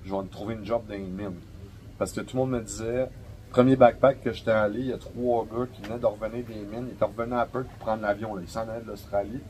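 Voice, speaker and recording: A young adult man with a Québécois French accent, a podcast guest telling stories in a slangy, profane, animated way. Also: on the low side, fast talker, a little hiss or hum, rough recording. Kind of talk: casual storytelling chat.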